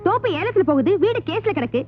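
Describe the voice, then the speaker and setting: An actress playing an aggrieved young married sister, reproachful and sharp-tongued. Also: female voice, very high-pitched, sing-song, fast. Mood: bitter. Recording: tinny lo-fi film soundtrack with music.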